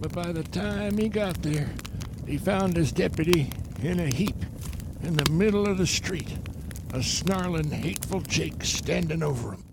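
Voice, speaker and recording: A man's voice: fairly high pitch, expressive, a little slow, creaky, pauses often, background noise. A man voicing an old prospector who narrates a Western tale in a folksy drawl. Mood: storytelling.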